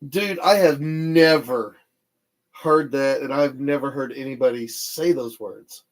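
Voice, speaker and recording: A man's voice: medium pitch, unhurried. A man, chatting casually on a livestream and reading viewer comments aloud. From Texas. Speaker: paranormal livestream host.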